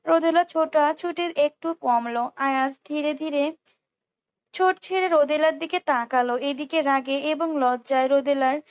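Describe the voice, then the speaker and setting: A woman's voice: high-pitched, normal speed. A woman reading a romance novel aloud in speech, unrehearsed, with restarts and little asides. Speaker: storyteller.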